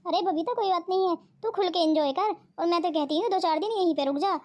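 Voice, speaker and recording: A woman's voice: extremely high pitch, fast. A woman voicing a kind, generous young bride in a cartoon, talking in a friendly, reassuring way. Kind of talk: cartoon voice acting.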